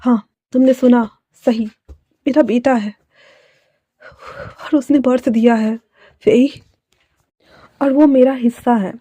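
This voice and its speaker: A woman voicing a young mafia man who speaks softly and earnestly, ready to sacrifice himself. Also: a little high, steady tone, takes it slowly, long pauses, no echo. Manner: soft, quiet, earnest.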